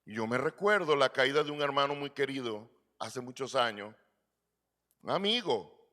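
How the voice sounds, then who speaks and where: A man's voice: medium pitch, animated, moderate pace, bright, forceful tone. A middle-aged man preaching a sermon in earnest, asking rhetorical questions and calling his listeners brother. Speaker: pastor.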